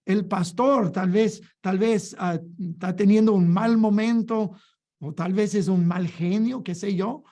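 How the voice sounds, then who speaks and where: A man's voice: sits high, a little slow, mellow. A man preaching a sermon, emphatic and full of rhetorical questions, often repeating his words.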